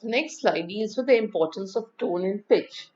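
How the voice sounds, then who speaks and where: A woman giving a lecture on speaking, who shows pitch and emphasis with her own voice. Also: lively intonation, darkish tone. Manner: demonstrates pitch and emphasis, reads rhymes slowly and expressively. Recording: dull lo-fi audio.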